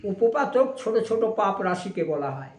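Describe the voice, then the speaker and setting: A man giving a devotional sermon, explaining slowly and breaking into sung verse lines. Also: high voice, big pitch swings, roomy sound. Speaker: kirtan and katha preacher.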